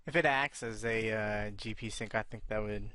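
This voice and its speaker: A male podcast host in casual chat, relaxed and swearing freely as he reads out listener questions. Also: on the low side, normal speed, clear, resonant tone.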